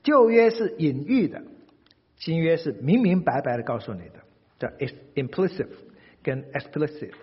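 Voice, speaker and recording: A man preaching a sermon in a lively, humorous way, acting out the people he quotes. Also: on the high side, moderate pace, breathy edge. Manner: animated, humorous, acts out quotes. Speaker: pastor. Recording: dull recording, long hall reverb.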